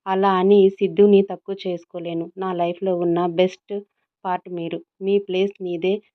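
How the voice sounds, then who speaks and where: A woman voicing a gentle young woman who comforts and reassures her best friend. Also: lowish voice, flat delivery, normal speed, close to an everyday voice. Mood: reassuring. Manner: soothing and coaxing. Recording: tinny phone-like audio.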